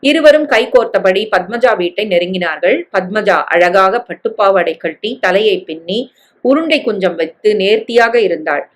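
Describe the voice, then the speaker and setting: A woman narrating a family drama story in an expressive reading voice. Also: mid-range voice, normal speed.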